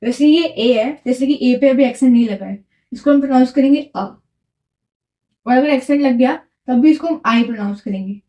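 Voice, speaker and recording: In a classroom-style explanation, a woman covers French grammar step by step, mixing English words into her Hindi, repeating every key word and prompting the learner to repeat it. Her voice is high and warm, at normal speed.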